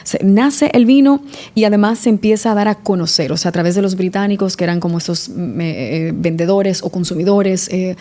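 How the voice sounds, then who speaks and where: A woman's voice: medium pitch, a little fast, warm tone. A woman from the Dominican Republic, a sommelier guest talking through her answers in a casual podcast interview, with many small restarts. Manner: reflective, restarts often, eh fillers.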